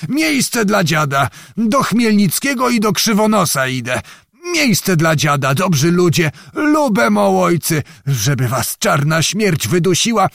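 Crafty old nobleman, a narrator doing him, high raised bellow, cursing at a crowd, dry close audiobook sound. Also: creaky, fairly bright tone, dry recording, heavily acted. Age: older. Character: crafty boisterous old male nobleman posing as a beggar.

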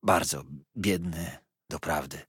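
A man voicing a kindly, bedridden old man who complains slowly about his illness. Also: extremely low pitch, a bit bright, breathy edge, no room sound, clean studio sound, voice pushed down, full character voice. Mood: plaintive, fond. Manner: complaining, slow and plaintive.

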